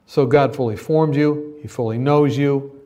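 A man's voice: mid-range voice, fairly even intonation, a little slow, warm tone. Playful middle-aged man preaching with humor. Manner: playful, teasing, laughs through his own stories; asks the crowd questions and gets them to answer back. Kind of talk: humorous sermon to students. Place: university gathering.

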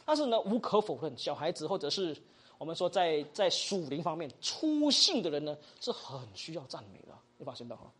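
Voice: mid-range voice, sing-song, a little fast, husky. A teacher giving a Bible study lesson, mixing in English words, often asking the class questions and tagging sentences with little particles. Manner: acts out example dialogues.

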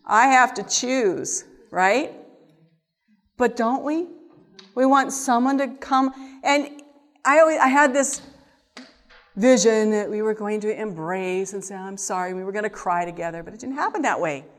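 A woman giving a sermon-style teaching to a group, animated, moving between hushed and emphatic delivery. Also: medium pitch, a little slow. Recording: long reverb of a hall.

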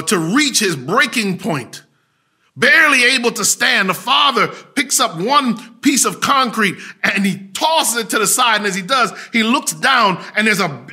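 A man preaching a sermon, telling a story dramatically, swinging from loud to hushed. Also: sits high, husky.

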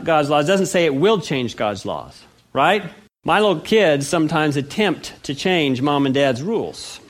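A man leading a Bible study, asking the audience questions, answering them himself, and reading scripture slowly with emphasis. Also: on the high side. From United States. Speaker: Bible teacher. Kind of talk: interactive Bible study lecture.

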